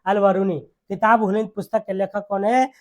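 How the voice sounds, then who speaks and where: An exam-prep teacher, speaking in a classroom style, repeating key words and asking quick check questions with tag phrases. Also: medium pitch, steady tone.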